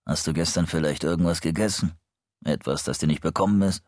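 A man voicing a middle-aged male psychologist in an audiobook, speaking smoothly, evenly and with quiet insistence. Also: very deep voice, brisk, dry recording, studio quality. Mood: measured. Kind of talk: audiobook character reading.

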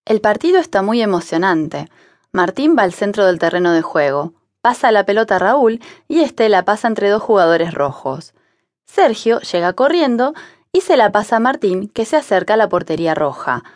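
A woman narrates an audiobook for language learners. She reads clearly and at a measured pace, and her pitch moves lively through each sentence. The recording is close and dry. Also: no room sound. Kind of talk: scripted narration.

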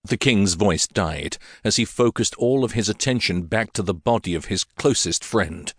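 Low-voiced male audiobook narrator. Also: normal speed, no room sound, studio quality. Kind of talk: scripted fantasy audiobook narration.

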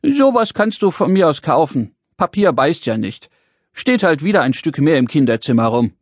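A man voicing a tiny, excitable and impatient pink male creature in a children's audiobook, chattering nonstop in a whiny, fussy way. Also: high voice, a little slow, breathy edge, no echo, clean studio sound, voice pushed up, full character voice.

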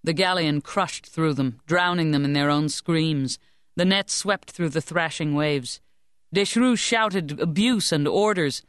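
A woman reading an audiobook in a measured, even storytelling voice, recorded close in a booth. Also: sits low, no room sound. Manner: measured, even storytelling that lifts and sharpens for shouted lines. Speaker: audiobook narrator. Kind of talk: scripted narration of a historical fantasy novel. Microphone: close studio microphone.

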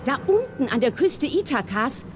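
A woman's voice: sits high, sing-song, normal speed, faint music behind. An actress voicing Hera, queen of the gods, scolding and teasing her husband in a radio play. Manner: scolding yet affectionate, teasing.

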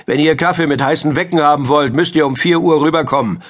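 A man's voice: brisk, fairly bright tone. A man voicing a stern, nagging old great-grandmother in a children's audiobook. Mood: scolding. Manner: shrill, nagging complaints. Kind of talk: audiobook character voice.

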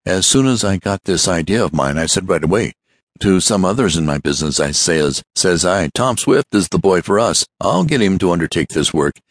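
A man reading a story aloud, voicing a short, stout, fussy businessman who talks in a rapid, boastful rush. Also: low voice, no room sound, clean studio sound, pitched above the performer's own voice. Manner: rapid, breathless, boastful chatter.

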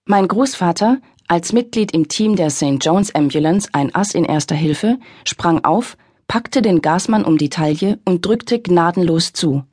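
A woman's voice: fairly low pitch, a little mellow, breathy edge, no echo. A woman narrating an audiobook in the first person, in a wry, exasperated storytelling manner, on a close studio mic.

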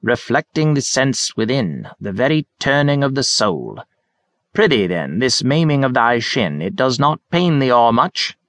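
A man's voice: mid-range voice, big pitch swings, a little slow, a bit bright, no echo, pitched above the performer's own voice. A man putting on a florid, courtly old eccentric. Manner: florid, mock-Shakespearean, courtly. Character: odd, stooped old man speaking in archaic flourishes.

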